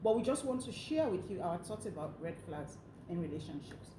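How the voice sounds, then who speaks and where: A woman's voice: fairly low pitch, very animated, a little fast, dark tone. A woman co-hosting a casual chat, talking with frequent fillers. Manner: chatty, many fillers. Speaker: co-host. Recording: echoey room, faint noise.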